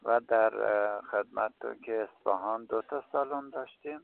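A man's voice: fairly low pitch, gravelly, no room sound. Hesitant man on a phone line. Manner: hesitant, many filler sounds. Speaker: filmmaker guest. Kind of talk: radio interview answers.

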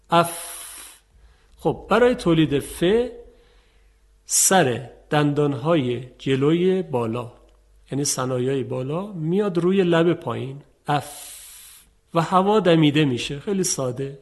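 Man, tajweed teacher, calm explanatory tone, slightly high voice, demonstrates sounds. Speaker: Quran recitation teacher. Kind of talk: tajweed lesson.

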